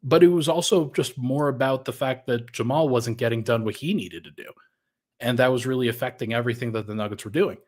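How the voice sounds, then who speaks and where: A man hosting a casual sports podcast, thinking aloud in a conversational way and sounding a little out of breath. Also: mid-range voice. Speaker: podcast host.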